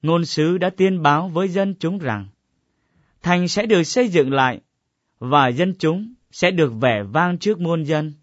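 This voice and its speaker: Man reading scripture, measured and solemn, slightly high voice, dry muffled recording. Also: dry recording.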